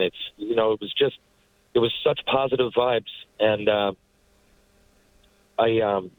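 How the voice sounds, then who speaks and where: A retired hockey player in his forties from Newfoundland speaks as a guest in a casual interview, his lowish voice heartfelt and rambling, full of restarts. The recording is rough but has no echo.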